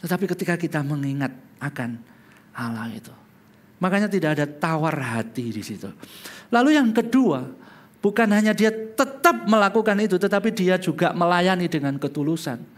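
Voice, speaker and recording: A male pastor preaching a sermon, swinging between hushed low passages and loud, high emphatic ones. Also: expressive, fairly quick.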